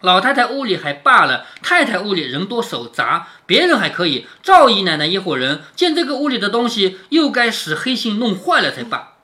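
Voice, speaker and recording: Brief: chatty male storyteller-commentator, bright and animated, keeps asking "right?". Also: high voice, fairly quick. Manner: conversational, asks rhetorical questions. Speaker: father reading and explaining a classic novel to his daughter.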